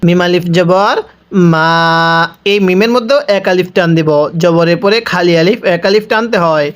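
A man's voice: high voice, moderate pace, clear, resonant tone. A man teaching Quran reading with a Bangladeshi Bengali accent, patiently spelling out letters and vowels, then drawing out each word for the listener to repeat. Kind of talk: slow spelled-out recitation lesson.

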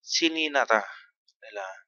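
A man's voice: medium pitch, expressive, normal speed, sharp tone, no echo, dull audio. A man teaching a language lesson, explaining terms step by step and mixing in foreign words. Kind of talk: lesson narration.

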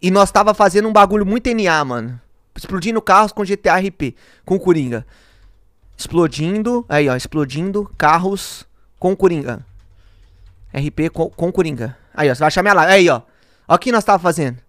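A man's voice: high-pitched, lively intonation, brisk, fairly bright tone, no echo, studio quality. A young man with a Brazilian accent, a guest telling a story in casual chat while walking someone through a video clip. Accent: Brazilian Portuguese. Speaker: guest streamer.

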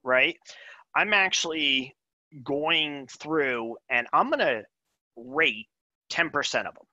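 Casual male presenter, bright dry voice, talks through a demo over a video call. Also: on the high side, expressive, takes it slowly, dry recording, dull audio. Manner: casual, thinks aloud with frequent "right?" and "um". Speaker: presenter demoing software.

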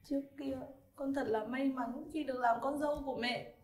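An actress playing a young mother and daughter-in-law, speaking softly and apologetically. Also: high voice, steady tone, fairly quick. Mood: remorseful. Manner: soft, apologetic. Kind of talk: web drama acting. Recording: echoey room with faint music.

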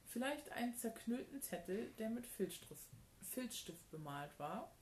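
A woman's voice: on the high side, very animated, a little slow, darkish tone, reverberant, slight background noise. A woman reading as Rabatt, a cheeky fox. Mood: teasing. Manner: teasing, then reassuring. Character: curious, cheeky male fox companion.

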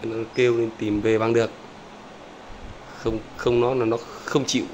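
A chatty man, speaking at a mid pitch as he keeps turning to his viewers. He repeats small pointing words while talking outdoors. A faint hum of outdoor noise sits behind his voice. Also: level tone, moderate pace, a little mellow. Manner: chatty, repeats "there" often, talks to viewers. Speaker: bird-keeping vlogger. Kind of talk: casual talk to camera viewers.

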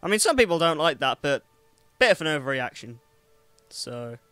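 A young man commentating a game in a bright, smooth, crisp voice, close to a dry mic. He is chatty and jokey, and he bickers with the game characters while faint music plays. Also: a little high, very animated, moderate pace, dry recording. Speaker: gameplay commentator. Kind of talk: let's play commentary.

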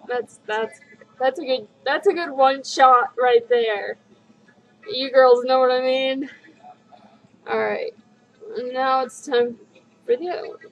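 Giggly tipsy young woman, high voice. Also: steady tone, slow pace, long pauses, lo-fi sound, faint music behind. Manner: giggly, tipsy drunk rambling. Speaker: makeup tutorial vlogger. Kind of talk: casual chat, makeup tutorial. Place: living room at home, indoors. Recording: webcam audio with background noise.

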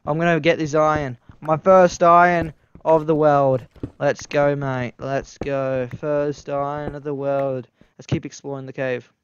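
A man giving excitable gameplay commentary, talking straight to his viewers and yelping when scared. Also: on the high side, measured pace, clear, resonant tone, dry recording, muffled recording. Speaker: gaming YouTuber.

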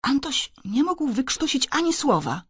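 A woman narrating a children's audiobook in an expressive, dramatic reading voice. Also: sits high, unhurried, no room sound, clean studio sound. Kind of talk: scripted storybook narration.

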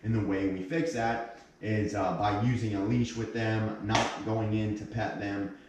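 A man's voice: on the low side, flat delivery, measured pace, heavy background noise. A man in his thirties working as a dog trainer, giving a casual demonstration with short, firm commands and praise for the dog. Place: indoors, hard-floored living room. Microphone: distant fixed camera. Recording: echoey room, far from the microphone.

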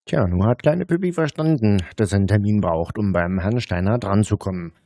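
A man's voice: lowish voice, expressive, brisk, dark tone. A man giving casual, mocking commentary as a host, with a sarcastic, colloquial way of talking. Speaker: host of scam-baiting recordings.

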